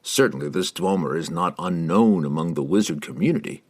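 A calm, grave elf who speaks in a low, measured and thoughtful way, as a male narrator puts him on. The voice drops below the reader's usual pitch and is a little softer than his normal talk. It is a serious storybook character with a composed temper. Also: slightly rough.

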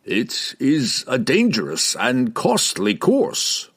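A man reading aloud, voicing an old male wizard who speaks slowly and ominously. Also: medium pitch, huge pitch swings, slightly rough, voice pushed up, exaggerated voice. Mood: grave. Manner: slow, measured, ominous delivery.

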